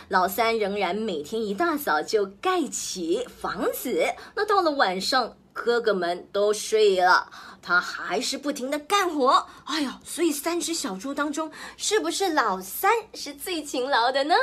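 A woman's voice: on the high side, sing-song, unhurried, a bit bright. A woman hosting a children's story program, telling a fairy tale playfully and asking listeners questions. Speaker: storyteller host.

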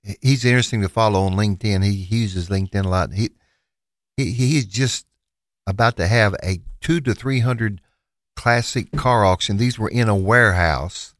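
Um homem com sotaque do sul dos Estados Unidos, apresentador e leiloeiro, falando num bate-papo de rádio cheio de hesitações e recomeços. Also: male voice, lowish voice, normal speed, dry recording, studio quality. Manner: rambling, many restarts and fillers. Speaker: auctioneer and radio host. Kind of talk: casual radio talk.

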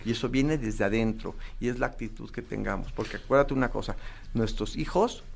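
A man's voice: mid-range voice, a little fast, creaky. A man giving parenting advice in an earnest coaching manner, speaking to the listener directly. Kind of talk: advice talk.

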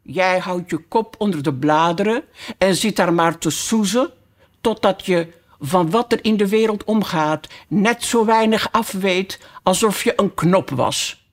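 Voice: mid-range voice, a little slow, lightly acted. A reader voicing a haughty, bossy tiger lily. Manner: grand, scolding, bossy. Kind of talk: audiobook character voice.

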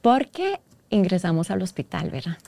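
A woman from Guatemala, a guest in an interview, recounting a hard personal story in a halting, emotional way, often restarting and retelling past conversations. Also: fairly low pitch, sing-song, gravelly, warm tone, a little hiss or hum.

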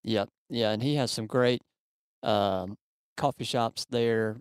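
A man hosting an interview, relaxed and chatty, filling his sentences with ums. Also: mid-range voice, slow, smooth, no echo, studio quality. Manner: relaxed, filler-heavy with frequent ums. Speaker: podcast host. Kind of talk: casual interview.

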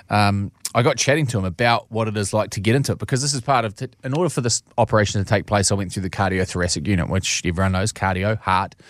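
A man's voice: on the low side, no room sound, clean studio sound. A man with a broad New Zealand accent telling personal stories in casual, blokey, slangy chat as a show co-host.

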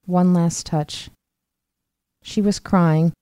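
A woman investigative reporter narrating a podcast in a measured, earnest scripted read. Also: fairly low pitch, steady tone, warm tone, smooth, no room sound.

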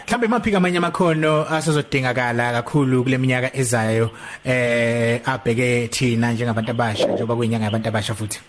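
A man's voice: mid-range voice, fairly even intonation, fast. A man with a Zulu accent chatting casually as a radio co-host on a noisy, clicking connection.

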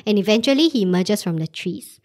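Animated woman telling a crime story. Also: mid-range voice, quick pace. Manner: animated, laughs often, quiz-style teasing. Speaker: podcast host telling a true crime story. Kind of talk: casual storytelling chat.

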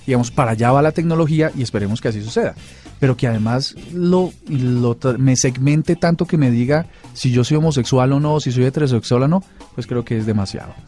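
A man's voice: mid-range voice, fairly quick, mellow, soft background music. Man hosting a radio tech chat. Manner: explanatory, many "eh" fillers. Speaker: radio show host.

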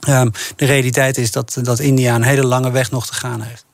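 Measured man discussing investment policy. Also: medium pitch, flat delivery, vocal fry, no room sound, clean studio sound. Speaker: investment manager guest. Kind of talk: radio finance discussion.

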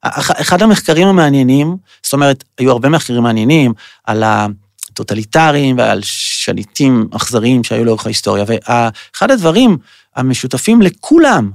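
A man hosting a podcast, giving an animated, mocking monologue that he keeps breaking up with acted voices. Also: medium pitch, no room sound, studio quality. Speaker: podcast host. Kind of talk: lecture-like monologue.

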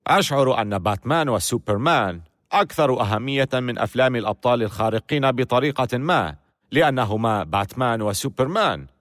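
A man's voice: medium pitch, lively intonation, quick pace, fairly bright tone, no echo, studio quality. A man reading scripted documentary narration with a dramatic, storytelling delivery.

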